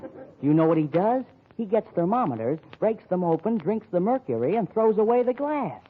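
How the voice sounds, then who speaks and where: A man's voice: sits high, moderate pace. A man doing a whispering escaped lunatic. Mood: creepy. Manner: whispering, deadpan. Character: whispering escaped male lunatic posing as nurse. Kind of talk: 1940s radio comedy acting. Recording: lo-fi old radio broadcast, hiss.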